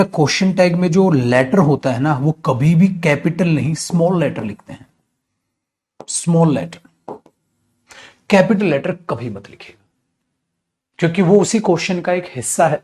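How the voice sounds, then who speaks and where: A male teacher with a voice on the high side leads a live online class in a lively manner. He poses questions and answers them himself, calls his students "beta", and slows down to spell out English example sentences.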